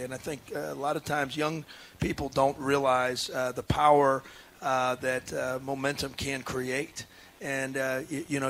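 Man, basketball coach, halting earnest talk, lots of fillers, faint background hiss. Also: mid-range voice, a bit bright. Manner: halting, many restarts and fillers; earnest, emotional. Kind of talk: casual radio interview.

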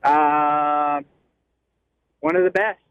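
A man talking on the phone while driving, as a racing driver in a casual interview, halting and repeating words with many fillers. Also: fairly high pitch, fairly even intonation, smooth, no echo. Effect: heard over a phone line. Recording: tinny dry phone line.

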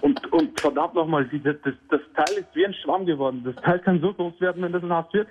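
A man with an Austrian accent calling a radio show, telling an embarrassing story in an excitable, giggly way. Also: on the high side, brisk, a little hiss or hum. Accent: Austrian German. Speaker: caller. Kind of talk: telling an anecdote on air. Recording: phone line on radio.

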